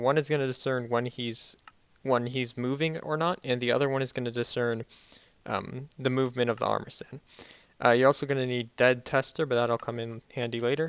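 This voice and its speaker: A young man giving a casual, halting game tutorial, speaking slightly muffled and carefully, as if sore after dental work. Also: medium pitch, clean tone. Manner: halting, self-correcting explanations. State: sore mouth after wisdom teeth removal, slightly muffled careful speech. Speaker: tutorial video host.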